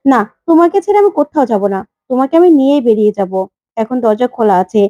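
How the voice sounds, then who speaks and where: A woman's voice: sits high, expressive, quick pace, dark tone, no echo, muffled recording. A woman voicing a frightened but loyal young woman trying to escape captivity, speaking urgently. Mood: anxious. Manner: anxious, urgent.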